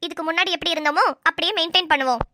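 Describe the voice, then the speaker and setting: A woman's voice: very high voice, racing, very noisy. A woman voicing a proud, playfully stubborn young wife in an amateur cartoon, talking in a teasing, haughty way.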